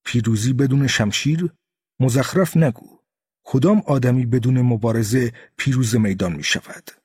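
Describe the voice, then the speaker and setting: A man's voice: mid-range voice, a little mellow, slightly rough, no echo, studio quality, in a large hall, close to an everyday voice. A man voicing a brash, hot-tempered young male samurai who speaks in a taunting, scornful way in a storybook reading.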